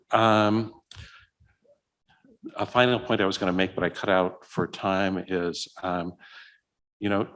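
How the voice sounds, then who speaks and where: A man's voice: lowish voice, fairly bright tone. A man giving a conference keynote and answering questions, speaking hesitantly with many fillers and restarts. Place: conference hall.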